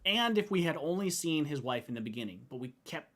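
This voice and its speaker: A man's voice: a little high, very animated, a little fast, a bit bright. A man co-hosting a casual movie review chat who talks conversationally and builds his points through comparisons. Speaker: co-host.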